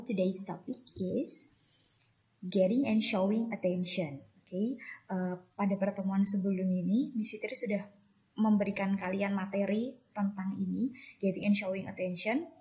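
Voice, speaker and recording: Woman teacher drilling phrases slowly. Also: mid-range voice, muffled recording. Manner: repeats English phrases slowly for learners to copy; mixes English into explanations in another language. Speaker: English teacher. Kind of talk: classroom explanation with drilled pronunciation.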